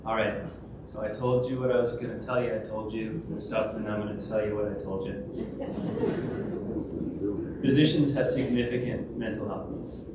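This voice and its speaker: In a large event hall, a man with a fairly low, steady voice gives a conference presentation and takes questions at a moderate pace. He's hesitant, full of fillers and restarts. The recording is noisy and echoey, captured from a distance.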